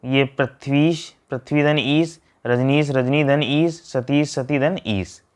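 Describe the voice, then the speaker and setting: A man teaching a grammar lesson, reading out word pairs and splitting each one in a steady drill. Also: medium pitch, takes it slowly, clear, resonant tone.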